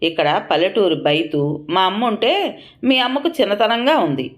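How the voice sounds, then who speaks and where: A woman's voice: mid-range voice, expressive, brisk, lightly acted. A woman voicing a defiant young daughter-in-law who talks bluntly and sarcastically. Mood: defiant, sarcastic.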